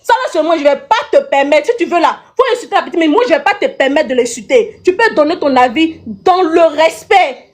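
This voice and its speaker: A woman's voice: high voice, animated, fairly quick. A woman and mother, scolding at length on a live panel in an indignant, repetitive way. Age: adult mother. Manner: indignant, scolding, repeats herself. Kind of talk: heated live panel rant.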